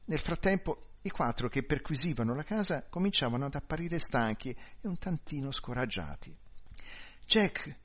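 A man reading a story aloud in calm, measured scripted narration. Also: mid-range voice. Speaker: audiobook reader.

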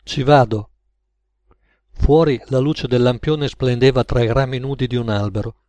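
Man reading in a dry measured voice. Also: medium pitch, warm tone, dry recording. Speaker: narrator. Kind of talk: audiobook reading.

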